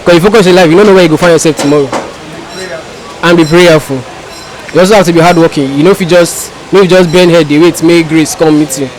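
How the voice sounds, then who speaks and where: A man's voice: on the high side, steady tone, fast, slight background noise, rough recording. A man with a Nigerian accent giving exhorting advice in West African Pidgin, often repeating his phrases. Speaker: street interviewee.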